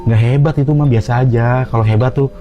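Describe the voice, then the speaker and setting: A man's voice: mid-range voice, fairly even intonation, fairly quick. A man giving wry, amused reaction commentary. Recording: dull lo-fi sound, faint music.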